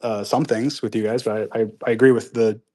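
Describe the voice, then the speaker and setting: A man's voice: on the low side, fairly even intonation, a little fast, warm tone. A man hosting a live audio chat from home, answering listener comments casually and earnestly, with many restarts and fillers. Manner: upbeat and earnest when disagreeing. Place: at home with pets nearby.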